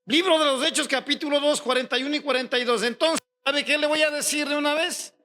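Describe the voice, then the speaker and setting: A pastor from Ecuador preaching a sermon, firing rhetorical questions at the congregation and rising to shouts on key points. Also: male voice, very high voice, fairly even intonation, fast.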